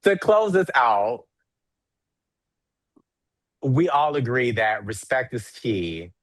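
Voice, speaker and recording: Animated man steering a casual chat. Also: mid-range voice, slow pace, no echo. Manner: animated, acts out scenarios in quoted voices; leads and wraps up the discussion. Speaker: podcast co-host.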